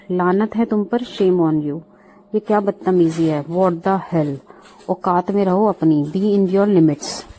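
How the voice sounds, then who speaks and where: A woman teaching a vocabulary lesson, her voice mellow and warm. She repeats each word patiently and asks the class questions as she goes. There is a faint hiss behind her. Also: mid-range voice, low-quality recording. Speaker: English teacher. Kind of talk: Hindi-English vocabulary lesson.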